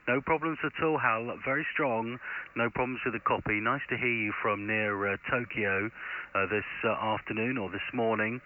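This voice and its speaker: A fairly low-pitched man comes over a crackly walkie-talkie-like radio link. He speaks as an amateur radio operator, spelling out callsigns phonetically. The sound is narrow and tinny. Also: steady tone, normal speed. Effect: crackly two-way radio transmission. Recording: thin narrow-band shortwave radio.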